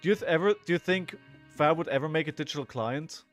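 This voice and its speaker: A fortysomething man with a slightly high voice talks fast over soft background music, giving loose, rambling live commentary on a card game. He thinks out loud, chats with viewers, and keeps checking in with "right?".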